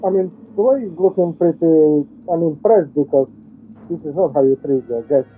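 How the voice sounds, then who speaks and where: A man's voice: a little high, moderate pace, soft background music. Player heard through a wall: man, dry offhand delivery, muffled phone-thin call audio. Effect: muffled and distant, as if through a wall. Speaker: tabletop game player. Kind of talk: casual chat over voice call. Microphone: headset mic on a voice call.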